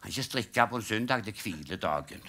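A man's voice: fairly low pitch, animated, pushed and bright. Older man telling stand-up jokes. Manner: dry storytelling with acted punchlines. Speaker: stand-up comedian. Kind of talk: live stand-up routine telling religious jokes. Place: live comedy stage.

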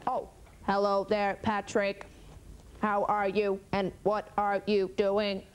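A woman's voice: medium pitch, monotone, slow pace, clean tone. A woman presenting a children's TV show, asking encouraging, playful questions. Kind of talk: interviewing a child. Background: music.

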